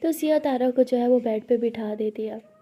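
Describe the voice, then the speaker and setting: A woman's voice: on the high side, moderate pace, mellow. A woman narrating a romance story in a plain, conversational way.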